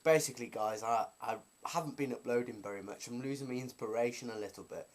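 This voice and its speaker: A man's voice: mid-range voice, quick pace. A man chatting casually to his viewers as a vlogger, in a rambling, self-deprecating way.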